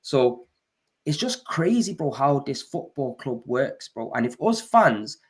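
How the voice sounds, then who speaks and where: A man's voice: mid-range voice, very animated, unhurried. A man, a football fan complaining in casual chat, often tagging lines with "bro" and "you get me".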